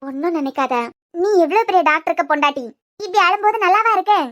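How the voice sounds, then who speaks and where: A woman voicing a gentle elderly grandmother in a cartoon series, speaking with a Kanyakumari accent in a coaxing, motherly, scolding way. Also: very high voice, lively intonation, fast talker. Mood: soothing. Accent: Kanyakumari Tamil. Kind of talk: cartoon web series voice acting.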